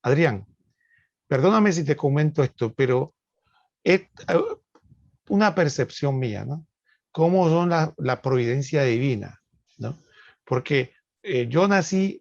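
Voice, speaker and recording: High gravelly man, dull sound. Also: lively intonation, unhurried, a little mellow, no room sound. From Panama. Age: 50s. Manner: conversational, hesitant with many "eh" fillers. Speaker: co-host. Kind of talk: casual chat.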